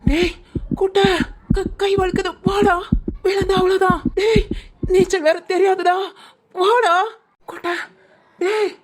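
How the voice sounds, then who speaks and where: A woman's voice: extremely high pitch, steady tone, slow pace, voice pushed up. A woman voicing a panicky young man in a cartoon, frantically shrieking for help. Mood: panicked.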